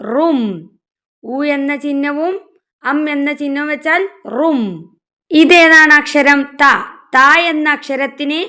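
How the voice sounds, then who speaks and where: A woman's voice: high voice, a bit bright. A woman teaching young children to read, asking questions patiently and answering them herself. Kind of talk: children's reading lesson.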